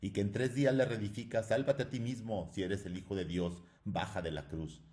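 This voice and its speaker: A man's voice: fairly low pitch, fairly even intonation, fairly quick, darkish tone, voice pushed up, lightly acted. A man voicing a taunting, mocking onlooker in a read-aloud story. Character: jeering cruel male onlooker in a mob.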